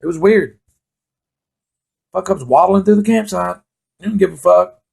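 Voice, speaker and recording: A man's voice: high-pitched, normal speed, gravelly, darkish tone, husky. A middle-aged man telling a rambling, heavily profane story from his youth, laughing at himself as he goes. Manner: rambling, heavy swearing, laughs at own story.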